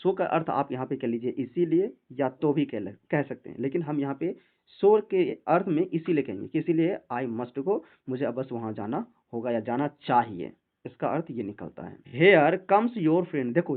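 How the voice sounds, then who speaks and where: A man teaching English reading to Hindi speakers. He reads each English sentence slowly, then explains it word by word in Hindi. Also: medium pitch, expressive. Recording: tinny phone-like sound.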